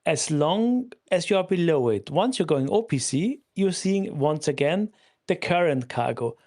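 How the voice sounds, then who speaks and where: A man on a podcast giving a measured, careful explanation of game mechanics. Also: on the high side, lively intonation, a little mellow. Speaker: co-host analyst.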